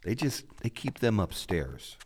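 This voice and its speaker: In a radio play, a man gives a full character voice as a genial, mischievous guide leading a visitor into hell, folksy and wry in a conversational, matter-of-fact way. His voice is lowish, sing-song and slightly rough, at a measured pace, recorded in a large hall.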